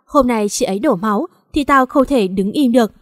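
Furious young gangster man out for revenge, read by a woman, angry, higher-pitched. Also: completely flat delivery, a little fast, long reverb tail, close to an everyday voice. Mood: grieving anger. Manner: angry, shouting.

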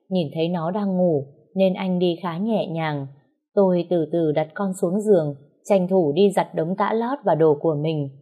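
A woman telling a first-person story in a steady, measured narration. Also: on the low side, slightly rough.

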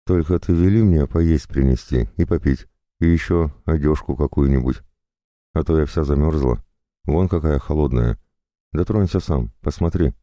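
A man's voice: very deep voice, normal speed, mellow, dry recording, clean studio sound, pitched above the performer's own voice. A man voicing a young captive woman accused of witchcraft, pleading and wheedling in a storybook reading.

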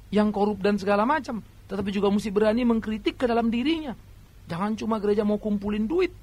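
Preacher guy, really high bright voice, goes loud then drops quiet, calls everyone brothers and sisters. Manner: emphatic, swinging between loud exhortation and quiet asides; addresses listeners as brothers and sisters. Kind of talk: sermon.

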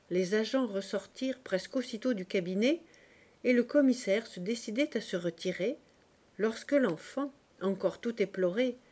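Female audiobook reader, mid-pitched, measured and even narration of a classic novel.

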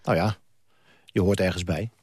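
A man's voice: low voice, normal speed, darkish tone, husky, no room sound. Brief: male radio presenter, probing and wry, close dry studio mic. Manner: probing, lightly teasing. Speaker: radio host. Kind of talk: live radio interview and studio chat.

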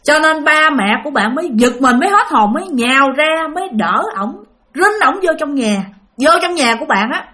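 A woman's voice: sits high, lively intonation, moderate pace, sharp tone. A woman telling a ghost story, chatting directly to her listeners. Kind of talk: spoken ghost story narration.

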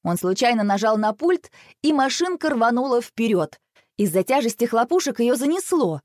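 A woman reads a children's storybook aloud, expressive and animated throughout. Her voice sits on the higher side and rises and falls widely. The recording is dry and close to the mic. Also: moderate pace, no room sound. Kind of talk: storybook reading.

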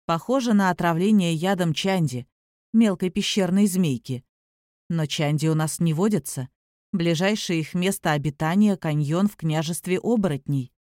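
A woman's voice: on the low side, normal speed, darkish tone, dry recording, studio quality, lightly acted. Woman doing a cheerful teasing werewolf man. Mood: explaining. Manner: easygoing, affectionate, calls her little one. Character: friendly young male werewolf, cheerful and teasing.

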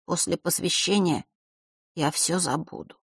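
A woman reading aloud, voicing a frightened teenage boy who swings between hushed pleading and tearful shouting. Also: fairly low pitch, unhurried, gravelly, husky, no echo, clean studio sound, exaggerated voice. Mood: hushed secretive. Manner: pleading, then shouting and sobbing.

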